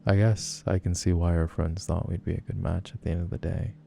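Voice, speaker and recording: Man playing a teasing, gravelly low-voiced flirty guy. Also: flat delivery, brisk, warm tone, faint music behind. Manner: teasing, playful, rambling. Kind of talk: flirty personal-attention role-play, casual chat.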